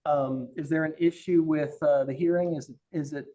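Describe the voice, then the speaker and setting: A male prosecutor addressing a judge in a formal, deferential and halting manner during a court hearing. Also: fairly high pitch, steady tone, mellow.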